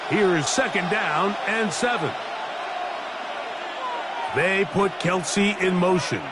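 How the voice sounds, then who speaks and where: A high-pitched American football play-by-play announcer calls a video game broadcast in a brisk style. A loud stadium crowd and heavy noise surround the voice. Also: male voice. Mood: focused, energetic. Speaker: play-by-play commentator.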